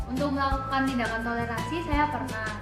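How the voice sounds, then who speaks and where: A woman's voice: sits high, fairly even intonation, fast talker, over loud music. A young woman from Malang, a student, telling a casual story in a chatty, loose way with lots of fillers. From Malang, Indonesia. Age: young adult. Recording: roomy echo.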